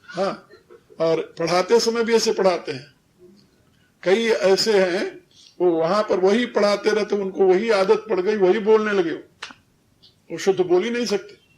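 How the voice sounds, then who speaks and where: A man's voice: high-pitched, a little slow, long pauses, a little mellow. An older man giving a religious discourse as a spiritual teacher, explaining things in a teaching tone and often chuckling. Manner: didactic, chuckles while correcting pronunciation. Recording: 1993 recorded lecture.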